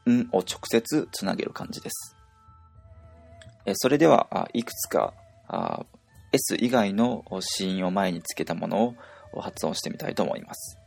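A man teaching a pronunciation lesson, explaining slowly with many hesitation fillers. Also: on the low side, gravelly, a little mellow. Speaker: language teacher.

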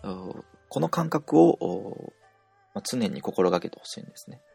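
Gravelly low-voiced Japanese man teaching. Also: big pitch swings, darkish tone, soft background music. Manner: patient, explanatory, pauses often to demonstrate sounds. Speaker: language teacher. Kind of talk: audio language lesson.

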